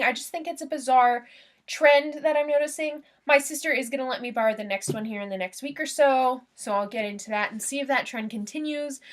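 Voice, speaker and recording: Chatty young woman reviewing a book. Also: sits high. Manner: chatty, animated, laughs often. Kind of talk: casual book review vlog.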